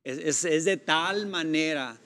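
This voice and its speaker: Lively man in a reverberant room. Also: on the high side, takes it slowly. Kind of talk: casual group Bible discussion. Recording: long reverb.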